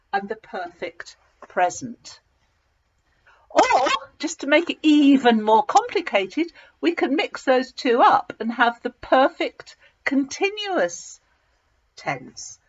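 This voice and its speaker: A woman teaching English to learners in a slow, simple lesson, patient and reassuring, repeating key words. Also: mid-range voice. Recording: dull lo-fi recording.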